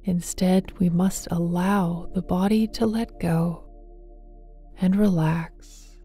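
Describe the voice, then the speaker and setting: A meditation guide with a very soft, mellow, fairly low voice leads a slow, soothing meditation in a steady tone. Gentle and hushed, often breathy and close to a whisper, she addresses the listener tenderly and affectionately over soft music with singing bowls.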